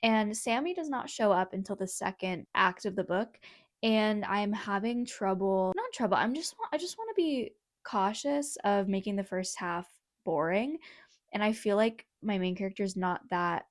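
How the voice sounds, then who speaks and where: A woman's voice: medium pitch, animated, moderate pace, no echo, clean studio sound. A young woman in her twenties chatting casually in a rambling, self-deprecating way, filmed on her phone in her bedroom. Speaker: writing vlogger. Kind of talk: casual vlog chat. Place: bedroom in parents' suburban house.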